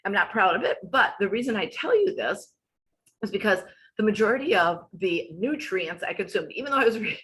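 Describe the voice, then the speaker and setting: A woman's voice: mid-range voice, lively intonation, brisk, fairly bright tone, poor audio. Chatty woman in her sixties. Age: 60s. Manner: chatty, wanders off on tangents. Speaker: wellness coach. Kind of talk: casual presentation over slides.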